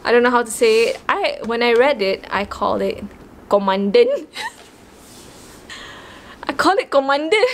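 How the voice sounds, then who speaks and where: A young book vlogger with a Malaysian English accent chats casually about books, slipping Malay words into her English. Her slightly high voice has a sing-song lilt, and she talks unhurriedly with long pauses over slight background noise.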